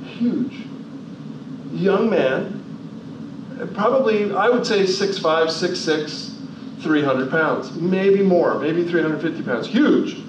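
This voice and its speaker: High-pitched and taking it slowly, a New Jersey motivational speaker in his forties poses emphatic rhetorical questions while changing his pace. He's speaking in a large hall, and the recording is echoey, distant, dull and noisy.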